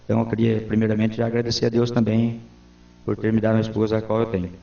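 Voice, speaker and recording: A man's voice: lowish voice, monotone, very fast, creaky, warm tone. A man in his forties, a town councilman, giving earnest, formal answers in a local TV interview. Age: 40s. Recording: roomy, distant, dull lo-fi sound.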